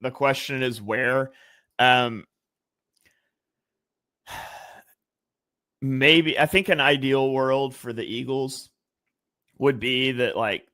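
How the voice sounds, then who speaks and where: Here the guest draft analyst, a man with an ordinary mid-range pitch, brings a bright, forceful tone as he works through draft picks on a casual sports podcast. He reasons analytically in a conversational way, full of fillers and restarts. The audio is close and dry, without any echo.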